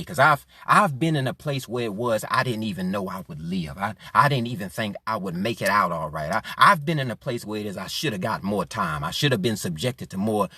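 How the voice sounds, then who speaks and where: A man preaching a sermon with passion, repeating his phrases and swinging from quiet to loud. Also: lowish voice, dry recording. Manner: impassioned, repeating phrases, rising and falling in force.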